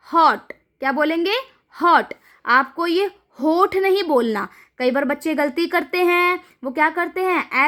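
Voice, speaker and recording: A young woman teaching children a phonics lesson, patiently asking questions and answering them herself, spelling letters out slowly. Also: high voice, a bit bright.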